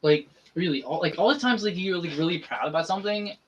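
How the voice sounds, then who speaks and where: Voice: mid-range voice, quick pace, slightly rough, lo-fi sound. A livestream co-host chatting casually, joking and self-deprecating, with casual swearing.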